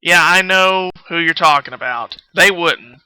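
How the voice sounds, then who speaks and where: A young man with a Southern US accent tells a rambling story in a high, very bright voice. He swears freely, drifts off topic and has to find his way back. The tone is casual and chatty. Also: a little slow, clean tone, no room sound, rough recording. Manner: rambling, profane, loses his thread. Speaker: streamer. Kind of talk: casual storytelling while gaming.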